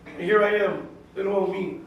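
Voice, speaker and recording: A chef in his forties from California visits a high school classroom as a guest, talking to the students in a casual, chatty, direct way, often saying "you know" and acting out what people said. His voice is high, level and creaky at a moderate pace. The muffled recording comes from a far-off mic in a very echoey room with faint hiss.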